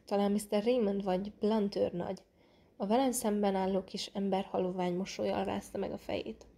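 A woman narrating a classic detective novel as an audiobook, reading in a calm, measured way and lightly voicing the characters. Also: medium pitch, creaky.

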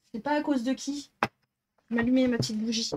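A woman's voice: fairly high pitch, fairly even intonation, quick pace, background noise. A woman streaming live, chatting casually with her viewers, greeting them by name and joking about herself. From northern France. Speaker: Twitch streamer. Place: home office.

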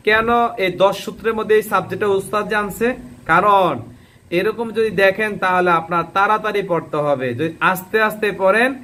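High-voiced teacher. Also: male voice, sharp tone, slight background noise. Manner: drills syllables by repetition, asks and answers his own questions. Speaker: Quran reading teacher. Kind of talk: Quran reading lesson.

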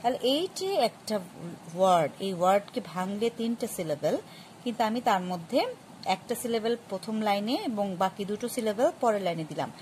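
A woman teaching a grammar lesson, explaining patiently to students with many pauses and restarts. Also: medium pitch, animated, a little mellow, a little hiss or hum, low-quality recording. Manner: patient, addresses students directly. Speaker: English teacher.

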